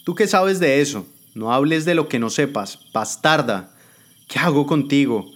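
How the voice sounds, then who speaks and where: A man's voice: mid-range voice, animated, normal speed, pitched above the performer's own voice, close to an everyday voice. A man voicing a cruel, ruthless woman politician who taunts and threatens, in a dramatic spoken story. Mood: scornful. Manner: taunting, contemptuous.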